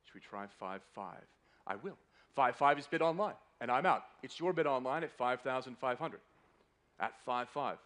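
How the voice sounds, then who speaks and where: A man's voice: mid-range voice, lively intonation, normal speed, fairly bright tone. A man working as a fine art auctioneer, calling a live sale with polite, courteous patter that keeps repeating the bids. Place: live auction room in a hotel.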